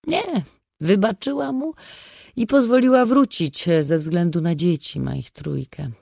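A woman's voice: lowish voice, measured pace, vocal fry, mellow, dry recording, clean studio sound. A reader voicing a frank middle-aged woman confiding in a friend in an audiobook. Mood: sceptical. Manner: chatty, confiding. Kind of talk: audiobook reading.

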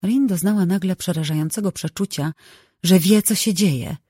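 An audiobook narrator reading a novel in a measured, even way on a close microphone. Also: medium pitch, husky, dry recording.

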